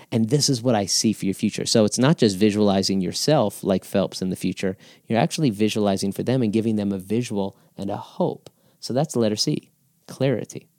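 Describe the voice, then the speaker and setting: A man's voice: lowish voice, darkish tone, dry recording, studio quality. A man giving earnest, emphatic teaching on handling hard conversations, often repeating words as he talks.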